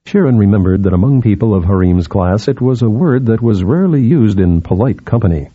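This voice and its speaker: A man narrating an audiobook in a measured storytelling manner, in a dull lo-fi recording. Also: on the low side, animated, slightly rough. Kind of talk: scripted narration.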